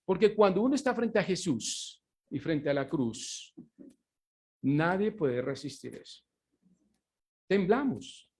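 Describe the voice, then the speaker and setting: Giving a sermon in a sing-song, slightly high, a little mellow voice, a male pastor hits key words with slow emphasis. He asks his congregation rhetorical questions and leaves them to complete.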